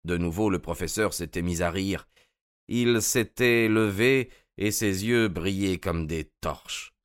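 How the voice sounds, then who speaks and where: A man narrating an audiobook in a measured, dramatic way. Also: low-pitched, clear, resonant tone.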